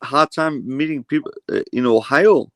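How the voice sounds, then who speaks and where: Danish dude w/ an accent calling into a stream, says bro a lot, kinda hesitant, dry sound. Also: male voice, medium pitch, normal speed, a bit bright, dry recording. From Denmark. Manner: casual, says "bro" often, hesitant fillers. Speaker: viewer joining the stream. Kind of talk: casual chat.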